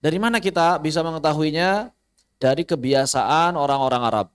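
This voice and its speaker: A man with an Indonesian accent teaching an online recitation class, asking and answering his own questions and slowing down to spell out Arabic words. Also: on the high side, clear, resonant tone.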